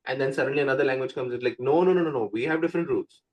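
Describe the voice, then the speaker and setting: In rapid-fire delivery and a mid-range voice, an English coach chats casually in an interview. He's a young man from India with an Indian accent who speaks Hindi natively, and he keeps dropping "like" and "right?" as fillers.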